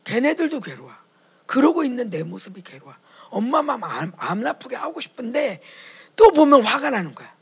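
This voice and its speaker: A woman, a pastor's wife, preaching a sermon to fellow pastors' wives in a dramatic way, acting out quoted voices and swinging from loud outbursts to whispers. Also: on the high side, big pitch swings, moderate pace, breathy edge.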